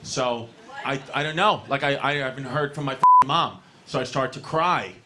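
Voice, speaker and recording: A man's voice: medium pitch, moderate pace, crowd noise. A man from New York in his thirties doing a stand-up set in a comedy club, brash and profane, rambling and laughing at his own lines.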